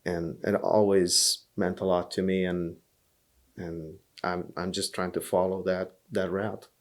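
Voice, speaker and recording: An earnest Hungarian man with a low voice, a blues musician on a podcast, shares stories in a relaxed interview. He speaks unhurriedly with a flat delivery and repeats words as he collects his thoughts.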